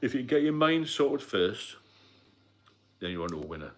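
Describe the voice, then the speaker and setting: Medium in pitch and very animated, this middle-aged British host talks at a moderate pace. He mentors people in sobriety through a casual, rambling live stream peppered with fillers and coughs.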